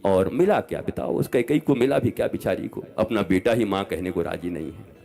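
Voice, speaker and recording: A man in his fifties giving an impassioned religious discourse as a spiritual preacher, scolding and swinging between loud outbursts and soft asides to a large gathering. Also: fairly low pitch, brisk, vocal fry, soft background music. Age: 50s.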